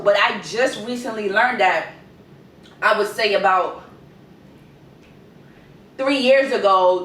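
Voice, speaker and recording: Young Guyanese-accented woman in an echoey room. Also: fairly bright tone. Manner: conversational, repeats key words for emphasis. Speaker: vlogger giving life advice. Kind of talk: informal advice vlog. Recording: echoey room, distant mic, rumbling noise.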